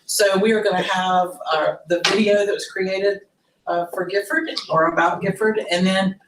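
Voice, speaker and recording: Woman, mid-range pitch, informal meeting presenter, roomy sound, distant microphone. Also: fairly even intonation, moderate pace, noisy background. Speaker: meeting presenter introducing delegations. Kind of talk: informal announcement. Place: public board meeting room. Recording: echoey room, distant microphone.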